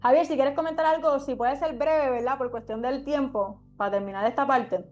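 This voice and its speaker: Young woman, high-pitched voice, Bible study leader, emotional testimony sermon, rhetorical questions, faint background music. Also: normal speed, a little mellow, lo-fi sound. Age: young adult. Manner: heartfelt storytelling with repeated rhetorical questions.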